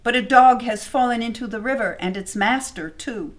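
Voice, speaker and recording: A woman voicing an excitable young French teenage boy, high and urgent but polite. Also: normal speed, natural voice.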